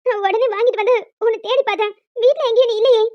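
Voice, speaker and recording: A woman voicing several emotional village women and a young daughter in a cartoon, fast and dramatic, scolding and tearful. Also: extremely high pitch, steady tone, no room sound. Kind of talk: cartoon voice acting. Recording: dull, dry lo-fi recording.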